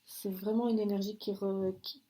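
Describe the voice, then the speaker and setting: A woman's voice: medium pitch, level tone, warm tone. A woman giving a channeled oracle card reading in an earnest, firm way, often breaking off and restarting her sentences. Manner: earnest, halting, with frequent restarts and apologies; firm, warning tone. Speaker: spiritual card reader.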